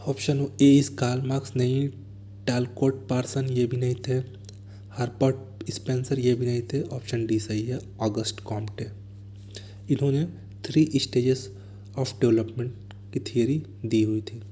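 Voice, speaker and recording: Slow, flat-toned Indian man teaching. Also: mid-range voice. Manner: reads questions slowly, then explains in fast asides. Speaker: exam prep teacher. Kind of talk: explaining exam answers.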